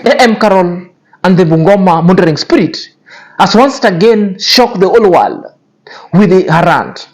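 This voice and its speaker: Speaking at a normal speed with an expressive voice that sits high, this male YouTube commentary host lectures scornfully about influencer drama. His manner is cutting and repetitive.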